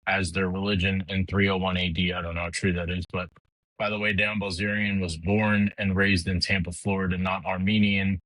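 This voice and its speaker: A man's voice: low-pitched, fairly bright tone, no room sound, rough recording. A middle-aged man hosting a podcast, ranting casually in a blunt, heated, profane way with frequent restarts. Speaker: podcast host. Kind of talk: casual political rant.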